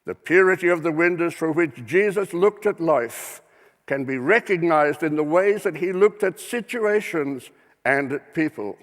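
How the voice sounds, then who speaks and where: Guy preaching slow in a big echoey church, kinda high voice, lots of rhetorical questions. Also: lively intonation. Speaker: minister. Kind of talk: sermon.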